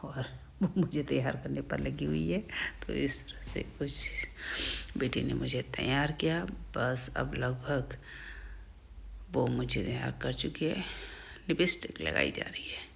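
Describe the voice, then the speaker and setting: A woman's voice: a bass voice, slow pace, gravelly, a little hiss or hum. A middle-aged woman vlogging in a casual, chatty way, narrating each step as it happens. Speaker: family vlogger.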